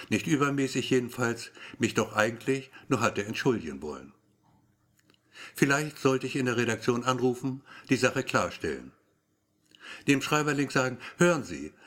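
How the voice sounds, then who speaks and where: A man's voice: mid-range voice, fairly bright tone. Wry man narrating in first person. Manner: wry, brooding inner monologue. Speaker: audiobook narrator.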